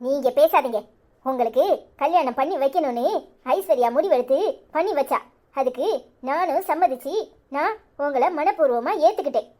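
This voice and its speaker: A woman's voice: high voice, a little mellow, close to an everyday voice. A woman voicing a bitter, stubborn young married daughter in a cartoon serial, speaking with a Tirunelveli Tamil accent and firing accusing questions. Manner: accusing, insistent, rapid-fire questions.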